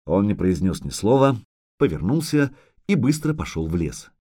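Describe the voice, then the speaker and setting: A male audiobook narrator reads fantasy prose in a dramatic, expressive style. His pitch moves a lot from line to line. The recording is dry and close, with no room echo. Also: normal speed. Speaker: audiobook reader.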